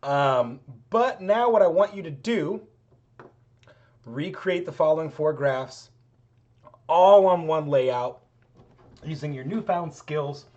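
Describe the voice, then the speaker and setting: A middle-aged man, a chemistry professor, gives a screen-recorded lab tutorial in a casual, meandering, self-mocking manner while his voice wears thin. He sits on the high side with lively intonation, speaking slowly with frequent pauses; the sound is a little mellow with the highs cut off.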